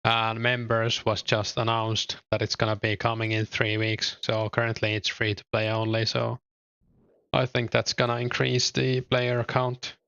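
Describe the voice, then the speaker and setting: In an unhurried mid-range voice with vocal fry and a smooth quality, a young Finnish streamer chats while gaming and reading his chat out loud. He comes across relaxed, hesitant, and heavy on fillers; the audio is dull, with no echo.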